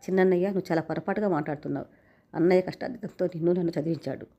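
Sharp-tongued college girl, read by a woman. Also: lowish voice, very fast, lo-fi sound. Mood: scolding. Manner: sharp, scolding. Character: outspoken college-age sister, self-declared feminist.

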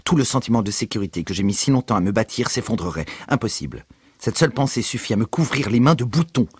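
A man's voice: fairly low pitch, expressive, fast talker, slightly rough, no echo, clean studio sound, voice pushed up. A man voicing a pompous, petulant male medievalist with a theatrical, declamatory manner. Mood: alarmed petulance.

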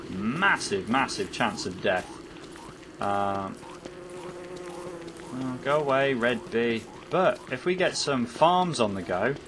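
A man giving jokey let's-play commentary, chatting to his in-game pet and swinging from bragging excitement to comic panic. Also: mid-range voice, background noise. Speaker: gaming YouTuber.

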